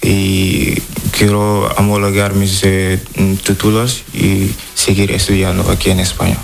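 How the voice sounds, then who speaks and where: Hesitant man from Senegal, slow. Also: sits low, flat delivery, gravelly. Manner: hesitant, halting non-native Spanish. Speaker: interviewee. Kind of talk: street interview.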